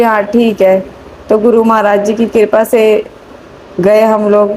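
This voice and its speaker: Brief: middle-aged woman devotee, earnest testimony, mellow tone, faint hum behind. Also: mid-range voice. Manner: earnest, pleading prayer, chanting.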